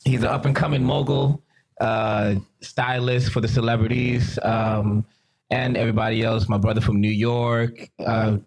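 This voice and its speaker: Podcast host, a man with a gravelly, midrange voice who pauses often between phrases. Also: medium pitch, a little mellow. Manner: halting, with many ums and uhs. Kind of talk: casual podcast chat.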